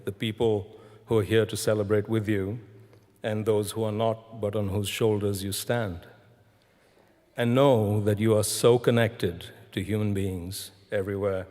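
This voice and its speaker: A man with a low, darkish voice gives a graduation ceremony speech live in a large concert hall. He tells stories in a measured way, using deliberate repetition, while long reverb from the hall echoes around him.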